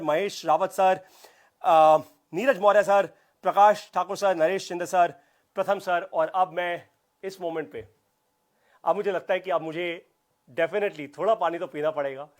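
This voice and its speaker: A man leading a live online business class, talking with high energy, speaking emphatically and repeating phrases for punch. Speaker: business coach.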